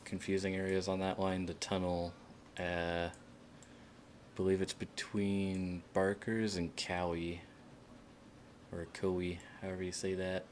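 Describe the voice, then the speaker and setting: A man streaming a game, chatting casually with other players in a relaxed, hesitant way with many fillers. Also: sits low, unhurried, pauses often, slight background noise. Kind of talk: casual voice chat while playing.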